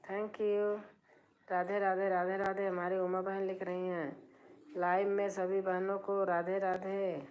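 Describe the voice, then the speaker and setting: Soft-spoken middle-aged woman hosting a live chat. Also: medium pitch, little pitch movement, slow pace, muffled recording. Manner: speaks softly, keeping her voice down. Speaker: live stream host. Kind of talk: casual live chat reading comments. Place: drawing room at home.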